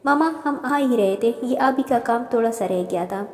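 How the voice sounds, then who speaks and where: A woman's voice: on the high side, moderate pace, darkish tone, close to an everyday voice. A woman voicing a teasing, protective young man, the older cousin in a storybook reading. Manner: dry, mocking. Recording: roomy reverb.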